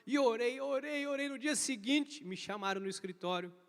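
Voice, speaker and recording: High-voiced Brazilian man preaching in a hall. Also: normal speed, clear, resonant tone. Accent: Brazilian Portuguese. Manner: animated, imitates sounds with his voice. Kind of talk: storytelling sermon. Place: church service. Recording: reverberant church hall.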